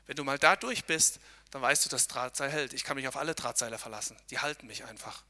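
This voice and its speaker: A man's voice: medium pitch, fast, pushed and bright, big-room sound. A man giving an earnest devotional talk outdoors on a mountain trail. He speaks straight to his listeners and keeps checking in with short tag questions. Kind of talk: devotional talk while hiking.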